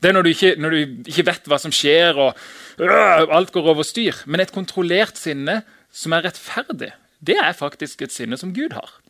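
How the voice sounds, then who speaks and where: A man delivers a casual, conversational sermon in a high, bright voice. He keeps it light, chuckling and acting out the lines he quotes. The sound is dry, with no room echo. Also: expressive. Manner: casual, chatty, laughs often, acts out shouted quotes. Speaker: preacher. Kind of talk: informal sermon.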